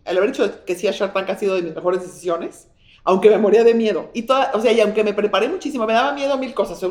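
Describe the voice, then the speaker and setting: A woman's voice: medium pitch, a little mellow, roomy sound. A woman with a Mexican accent, a guest chatting effusively and reflectively in an interview, often restarting her sentences. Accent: Mexican Spanish. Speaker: guest, businesswoman and author. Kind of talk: casual interview chat.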